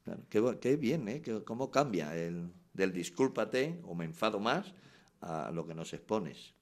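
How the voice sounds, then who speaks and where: A male radio host with a very low voice chats with his guest. He prompts her with everyday family situations and throws in bossy parent commands. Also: very animated, unhurried. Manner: chatty, acts out stern parent orders. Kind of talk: conversational radio interview.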